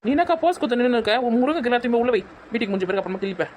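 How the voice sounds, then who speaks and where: Rapid-talking woman. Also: fairly high pitch, lively intonation, darkish tone, a little hiss or hum. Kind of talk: comic sketch acting.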